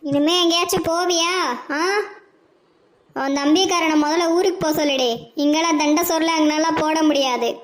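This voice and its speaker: A woman's voice: high-pitched, steady tone, moderate pace, natural voice. A woman voicing a bossy, scolding older mother-in-law in a Tamil cartoon, with a harsh way of talking.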